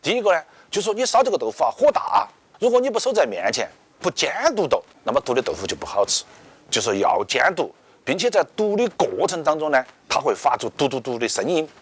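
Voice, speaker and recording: A man, explaining something in an interview in a husky voice. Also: fairly high pitch, very animated, fast talker. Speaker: interviewee explaining cooking terms.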